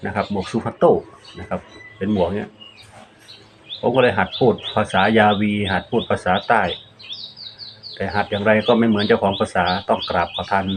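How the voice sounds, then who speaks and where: Man with an Isan accent, low voice. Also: a little hiss or hum. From Isan, northeast Thailand. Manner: chatty, mixes Isan words into Thai. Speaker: channel host. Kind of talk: casual talk answering viewer questions.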